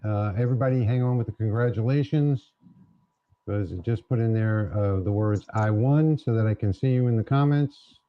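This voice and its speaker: The host's lowish voice moves at a moderate pace as he chats casually and thinks aloud during a livestream in his home laser shop. Audio comes through a wireless clip-on mic and is slightly muffled.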